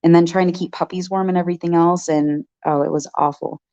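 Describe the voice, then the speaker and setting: A woman's voice: on the low side, steady tone, quick pace, dark tone, muffled recording. A woman in her thirties talks straight to her viewers in a loose, chatty vlog. She runs a farm and breeds dogs, and keeps checking in with "y'all" and "right?" as she goes. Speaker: farm owner and dog breeder vlogger. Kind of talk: casual vlog talk to viewers.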